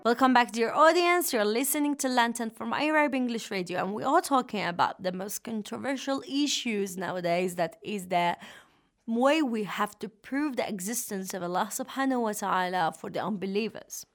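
A woman's voice: a little high, moderate pace. A woman hosting a religious radio talk in a formal, teacherly manner. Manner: formal, didactic. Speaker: radio host.

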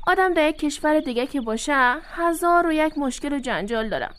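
A gentle young daughter played by a woman with an Afghan Dari accent and a high, bright voice. She speaks in a reassuring, tender way in this audio drama. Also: expressive. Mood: explaining. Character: young adult daughter returned from abroad, gentle.

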